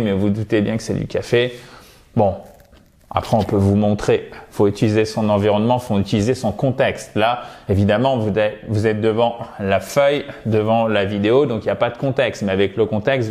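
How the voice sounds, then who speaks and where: A man's voice: on the low side, a little mellow. French man teaching English, drilling words. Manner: repeats words slowly to drill them, frequent "ok?". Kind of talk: video lesson, explaining and modelling pronunciation.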